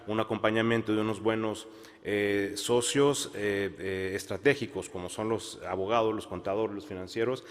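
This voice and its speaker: A man's voice: on the low side, fairly even intonation. Man panelist in a reverberant hall. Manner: measured, many fillers and restarts. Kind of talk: panel discussion. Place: conference hall.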